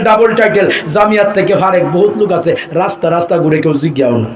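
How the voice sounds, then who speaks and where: A man preaching a Bengali waz sermon, swinging between chatty asides and loud sing-song chanting, calling out to the crowd for responses. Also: high-pitched. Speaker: Islamic preacher at a religious gathering. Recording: echoey public address with a crowd.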